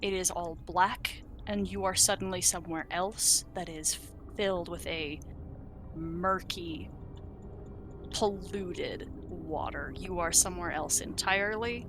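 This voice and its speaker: A woman narrating as game master of a tabletop game, describing scenes in a measured way. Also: fairly low pitch, background noise.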